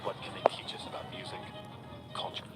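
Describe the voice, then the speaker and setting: A man giving wry, measured scripted documentary narration. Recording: voice-over over loud music.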